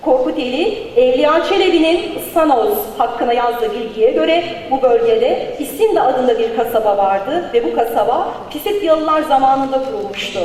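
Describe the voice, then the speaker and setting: A woman speaking at a podium microphone at a conference, reading a prepared academic paper in a formal, measured way. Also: sits high, a little mellow, a little hiss or hum. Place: conference hall. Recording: very echoey large hall.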